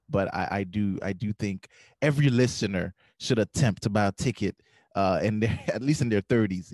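Podcast co-host, man raised in Haiti, lowish voice, dry close recording, earnest and halting. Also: darkish tone, dry recording. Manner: earnest, recommending with many fillers and restarts. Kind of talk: casual podcast chat.

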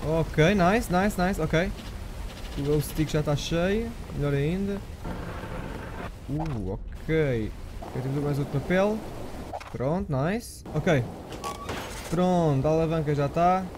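A young man with a European Portuguese accent commentating a horror game, excitable and muttering to himself. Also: fairly high pitch, takes it slowly, pauses often, background noise. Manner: excitable, mutters to himself, swears when startled. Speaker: gaming channel host.

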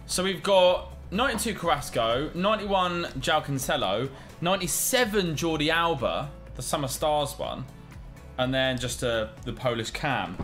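A young British man with a fairly high, bright voice gives casual commentary on a game as host. Music plays behind him. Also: expressive, normal speed. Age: 20s. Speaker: gaming YouTube host. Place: small room at home.

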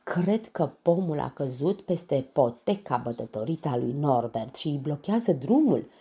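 A woman's voice: low-pitched, expressive, dark tone, breathy edge, voice pushed up, exaggerated voice. A woman voicing a clever young male meerkat detective in a children's storybook, curious and questioning. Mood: eager.

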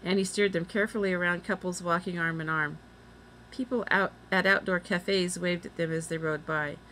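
A woman narrates a children's chapter book aloud in a steady, clear way. Her voice sits fairly low, with a faint noise in the background. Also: moderate pace, poor audio. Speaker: reader. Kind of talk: storybook read-aloud.

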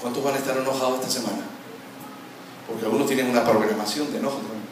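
A male pastor preaching an animated sermon with a Latin American Spanish accent, sometimes mimicking quarrelling voices. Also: medium pitch, racing. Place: church hall. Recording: very echoey hall, from far off, noisy.

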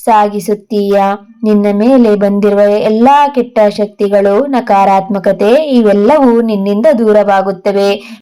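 Slow, mellow woman giving a devotional message. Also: medium pitch, smooth, poor audio. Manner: gentle, soothing, repeatedly addresses the listener as child. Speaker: devotional tarot channel host. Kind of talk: devotional message in a divine first-person voice.

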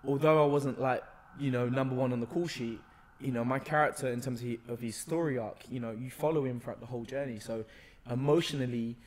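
Medium in pitch and quick with his words, a young London podcast guest tells stories about his experiences in a slangy, lively manner. He sits on a sofa in a well-lit room, close to a boom-arm podcast mic.

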